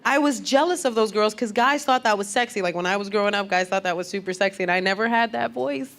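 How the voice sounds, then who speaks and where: A woman's voice: mid-range voice, quick pace, a bit bright. A woman comedian performing stand-up on a club stage with a handheld mic, telling stories animatedly and laughing at her own jokes. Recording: noisy club with crowd laughter. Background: audience laughter.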